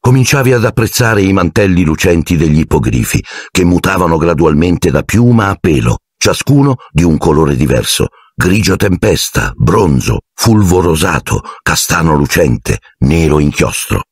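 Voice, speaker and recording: Brief: male audiobook narrator, low husky voice, lively delivery, dry booth sound. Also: normal speed, hardly any pauses, dry recording. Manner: expressive storytelling, acting out each character. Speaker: audiobook reader.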